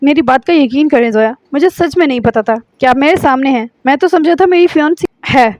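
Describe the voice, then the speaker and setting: An earnest young man pleads and later snaps curtly, as a woman reads him aloud from a novel. The voice sits high and light. The sound is dry and close. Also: a little mellow, no room sound, dull audio, lightly acted. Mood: pleading. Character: young man, pleading, then curt and harsh. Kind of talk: audiobook novel reading.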